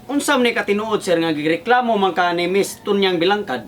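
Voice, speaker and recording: A man playing a show host in a comedy skit, coaxing and calming both sides with laughs. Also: high voice, brisk, a little hiss or hum. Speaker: mock radio host mediating a complaint. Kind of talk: comedy sketch acting. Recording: music playing behind.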